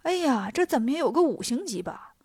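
Brash monkey king voiced by a woman, cocky, quick, storybook, dry. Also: sits high, very animated, darkish tone, no room sound.

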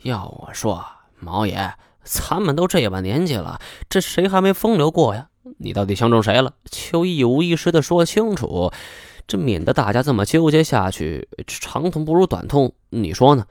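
A man voicing a sly, smug middle-aged male schemer in an audiobook, wheedling and teasing, with drawn-out sayings. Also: medium pitch, big pitch swings, darkish tone, no echo, clean studio sound. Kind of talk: audiobook character voice.

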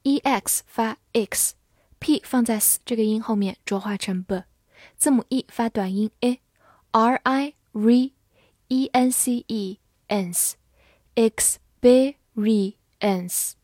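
Woman teacher, slightly high voice, slow spelled-out vocabulary lesson. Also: a little mellow, no room sound. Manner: slow, spells words letter by letter.

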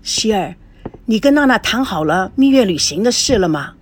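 A woman's voice: mid-range voice, lively intonation, normal speed, natural voice. A woman reading an audiobook, voicing an eager, fond elderly grandmother.

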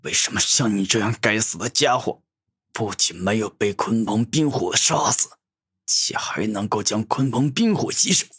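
A man voicing a proud, furious male villain cultivator who shouts in defiance, with a husky voice. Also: lowish voice, expressive, unhurried, no room sound, studio quality, heavily acted.

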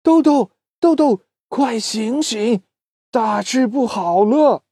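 A storyteller voicing an excitable little male bean bug who chatters urgently in a children's story. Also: mid-range voice, takes it slowly, no room sound, clean studio sound. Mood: alarmed.

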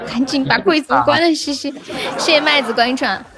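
A woman's voice: sits high, brisk, a bit bright. A woman hosting a live stream, cheerfully coaxing and giving instructions. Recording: faint music behind the voice.

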